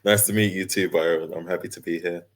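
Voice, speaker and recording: A laid-back man in his thirties talks as an interview guest. His voice sits very low and deep. He speaks in an easygoing, unhurried way, with plenty of fillers. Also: fairly even intonation. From London, England. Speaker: guest, character designer and illustrator. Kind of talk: casual interview chat.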